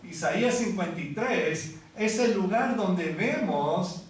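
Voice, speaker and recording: Slow, high-voiced pastor from Venezuela. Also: male voice, lively intonation. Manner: unhurried, conversational, sings scripture passages. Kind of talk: sermon. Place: church hall. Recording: echoey room from far off.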